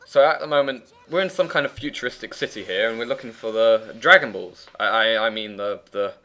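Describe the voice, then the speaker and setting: A man's voice: lowish voice, fairly quick, pushed and bright. A man giving casual, opinionated let's play commentary in a chatty way. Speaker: gaming commentator and player. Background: faint game music and sound.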